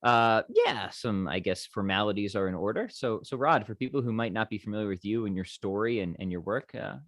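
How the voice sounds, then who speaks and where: An American man hosts a casual podcast conversation with a lively, swinging intonation and a close, dry sound. He thinks aloud informally, often checking that the listener follows. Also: on the low side, fairly quick, no room sound. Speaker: podcast host. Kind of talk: casual chat, interviewing.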